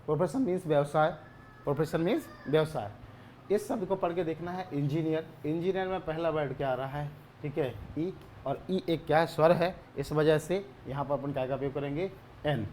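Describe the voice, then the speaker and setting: A male teacher giving a grammar lesson, asking questions and answering them himself, repeating key words, often clearing his throat. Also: on the high side, normal speed, a little mellow, slight background noise.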